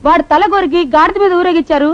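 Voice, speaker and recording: A brazen past-life wife, rapid and insistent. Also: female voice, extremely high pitch, dry recording. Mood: insistent, coy. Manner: rapid, insistent, flirtatiously familiar. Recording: noisy lo-fi film soundtrack.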